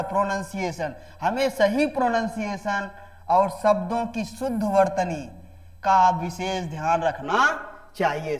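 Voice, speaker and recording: Slow, high-voiced male Hindi teacher. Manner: repeats key phrases slowly, addresses students as children. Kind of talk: classroom grammar lesson.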